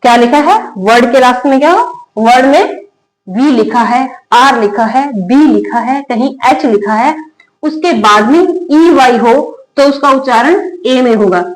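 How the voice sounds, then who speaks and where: A woman teaching English spelling rules in Hindi, asking questions and answering them herself, drawing out example words slowly. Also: sits high, lively intonation. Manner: repeats questions and answers them herself, slow drilled word readings. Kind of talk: Hindi-medium spelling lesson at a board. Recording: echoey room.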